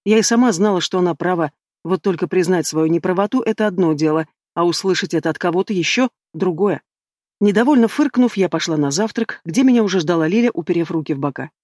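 A man narrating an audiobook in a measured, even reading style, close to the mic. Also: high voice, no echo. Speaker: audiobook reader. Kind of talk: scripted narration.

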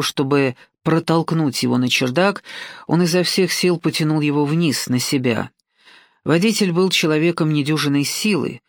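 A woman reads a novel aloud as an audiobook narrator. Her delivery is steady and even-paced, with a wry touch on the asides. The recording is close and dry, with no room sound. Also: low-pitched, no echo.

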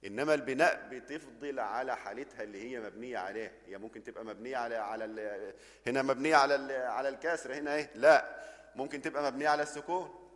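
A man's voice: medium pitch, fast talker, a bit bright. Egyptian man teaching grammar in an echoing hall. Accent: Egyptian Arabic. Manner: explains step by step, keeps checking with the class. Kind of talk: classroom grammar lesson.

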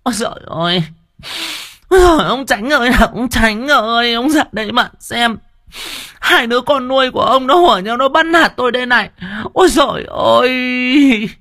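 A man's voice: high voice, unhurried, long pauses, dry recording, clean studio sound, voice pushed up. A man voicing a scheming middle-aged stepmother who screeches, wails and nags. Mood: wailing. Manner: screeching, wailing, nagging.

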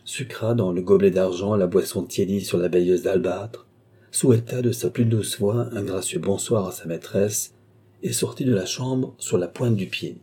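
A man reading an audiobook of a classic novel in a measured, even narration. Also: low-pitched, husky. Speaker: audiobook reader. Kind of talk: scripted narration.

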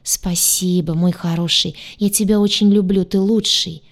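A woman narrator voicing a flustered, kind-hearted young heroine with a slightly squeaky manner. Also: steady tone, moderate pace, natural voice. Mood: tender.

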